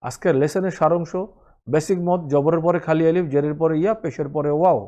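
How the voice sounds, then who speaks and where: A man's voice: fairly high pitch, steady tone, brisk, warm tone, dull audio. A man teaching Quran recitation in a spoken lesson, explaining each rule patiently and repeating the sounds for practice.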